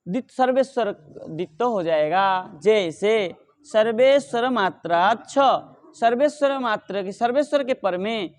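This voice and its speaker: A middle-aged man teaching Sanskrit grammar, asking questions and answering them himself, reciting the rules slowly. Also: high voice, lively intonation. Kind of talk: explaining grammar rules in a lesson.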